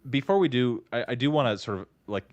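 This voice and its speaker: A man's voice: mid-range voice, lively intonation, quick pace, highs cut off. A man co-hosting a casual writing critique, wry and joking, who often stammers as he starts a thought. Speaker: co-host reviewing copywriting.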